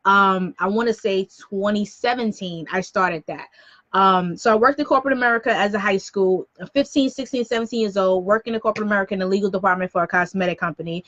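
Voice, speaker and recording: A woman in her thirties from New York City, a business coach chatting on a live stream in a quick, sassy way full of slang asides. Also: medium pitch, no room sound, lo-fi sound. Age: 30s. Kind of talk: casual live-stream talk.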